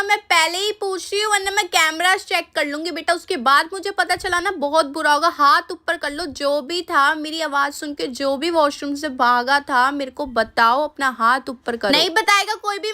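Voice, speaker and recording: A woman's voice: very high voice, normal speed, hardly any pauses, pushed and bright. A woman playing a strict female school teacher who scolds and threatens her class in a comedy skit. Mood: scolding. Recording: faint music behind.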